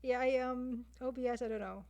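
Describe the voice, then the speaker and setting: A game artist with a Canadian accent streams herself drawing, casually talking to viewers and thinking out loud. Her voice is fairly high and darkish, fairly quick, with fairly even intonation.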